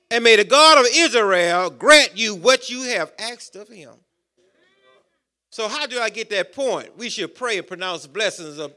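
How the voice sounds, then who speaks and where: A man with a high, bright voice preaches a sermon, building his points through rhythmic repetition and calling out questions to the congregation.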